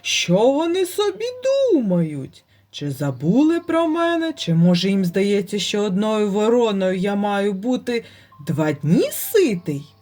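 A woman's voice: medium pitch, very animated, unhurried, dark tone. A woman voicing a furious, hungry male bear lord who roars and blusters in a storybook tale. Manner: roaring, blustering.

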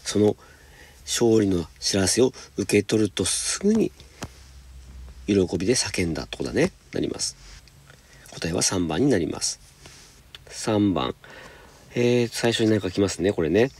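A man teaching high school English, patiently explaining homework step by step and reading example sentences slowly. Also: sing-song, darkish tone, husky. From Japan.

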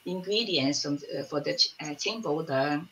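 On a video call from home, a low-voiced woman in her sixties, an elder in her community collective, joins a casual panel chat and tells warm stories at a moderate pace while searching for words. Her laptop mic yields a low-quality recording with a crowd audible in the background.

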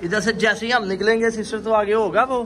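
A man's voice: high voice, fairly even intonation, a little fast, sharp tone, poor audio. A young man with a Punjabi accent, joking and teasing as he vlogs into a phone held at arm's length while walking through a busy mall. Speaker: vlogger. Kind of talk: casual vlog. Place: busy shopping mall and outdoor promenade. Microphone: phone camera at arm's length. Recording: crowd and street noise behind. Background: crowd chatter.

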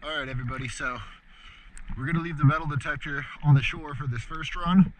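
An eager treasure-hunting diver in his thirties chats upbeat and casually to his vlog audience outdoors, by and in a lake. His voice is a little high and brisk, with a crowd in the background. It's recorded roughly on an action camera, worn or held at arm's length, with clear background noise.

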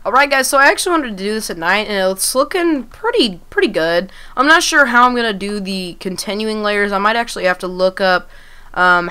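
A young woman casually talking through her gameplay, relaxed and rambling with plenty of ums. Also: lowish voice, clean tone. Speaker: gaming channel host. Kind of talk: casual let's-play commentary.

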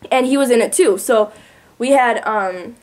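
A teenage girl tells a long story as a podcast guest, in a chatty voice pitched a bit high. She laughs her way through the funny parts. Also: a little slow, a little mellow. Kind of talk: casual storytelling.

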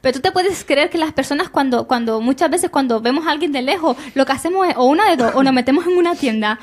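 A woman's voice: high-pitched, lively intonation, quick pace. A young woman hosting a comedic radio segment, playful and teasing, in a small studio on a desk mic. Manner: playful, teasing, asks leading questions. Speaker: radio host. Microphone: desk mic on stand.

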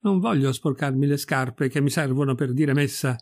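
A man's voice: mid-range voice, normal speed, natural voice. A man voicing a pompous older village priest who gives orders in a bossy, fussy way.

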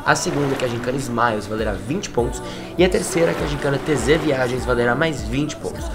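A Brazilian man presents a travel game challenge in an excitable way. His pitch sits in the middle, and music plays clearly under his voice. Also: fast. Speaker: game show host. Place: stone-walled room.

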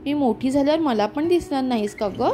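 Woman voicing a tiny lisping girl, storybook, high voice. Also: lively intonation, fairly quick, mellow, soft background music. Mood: sad. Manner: babyish lisping talk. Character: tiny lisping little girl, shy and sulky.

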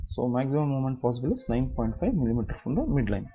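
A man's voice: mid-range voice, sing-song, very fast, breathy edge, lo-fi sound. A man giving a medical lecture, explaining step by step, repeating key terms and asking then answering his own questions.

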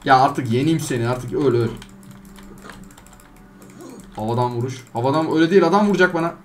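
A man doing gameplay commentary, trash-talking game characters and swinging between loud outbursts and low mutters. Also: fairly quick. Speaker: gaming YouTuber.

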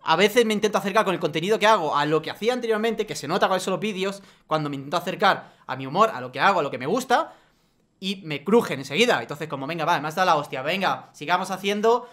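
A man's voice: sits high, lively intonation, quick pace. Profane ranting man. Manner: profane, exasperated ranting, swings from loud to muttering. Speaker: YouTuber. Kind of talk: ranting vlog monologue.

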